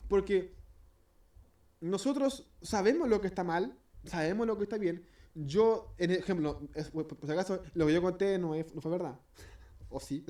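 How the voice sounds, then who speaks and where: Rambling Chilean preacher, off-mic. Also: male voice, high-pitched, warm tone, distant mic. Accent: Chilean Spanish. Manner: rambling, hesitant, with many restarts and self-corrections; jokey, acts out little scenes. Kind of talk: informal sermon. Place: church.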